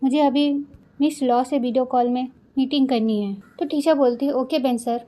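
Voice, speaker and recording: A high-pitched woman telling a drama story in an easy, chatty voice. She moves from scene to scene, announcing who speaks before reading each character's line aloud. Her delivery is conversational rather than polished. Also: steady tone, moderate pace, dark tone. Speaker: drama recap narrator. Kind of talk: casual storytelling recap.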